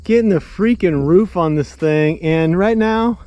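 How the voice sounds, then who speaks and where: A man in his thirties chatting casually to the camera while framing a barn outdoors, thinking out loud in a rambling, laid-back way. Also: sits high, unhurried, muffled recording. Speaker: builder vlogger. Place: outdoors at a barn construction site. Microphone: action camera, sometimes head-mounted.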